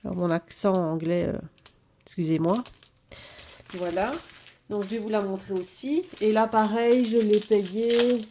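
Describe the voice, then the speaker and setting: A woman showing off her scrapbooking purchases in a casual haul video, talking slowly and hesitantly with many fillers. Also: mid-range voice, noisy background.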